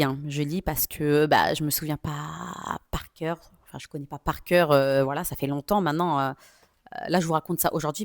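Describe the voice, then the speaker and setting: A woman in her thirties tells personal stories on her podcast in a chatty, confiding way, often pausing to gather her thoughts. Her voice sits a bit low for a woman. The sound is dry and close, with no room around it. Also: no room sound. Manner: chatty and confiding, with frequent hesitations. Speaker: podcast host.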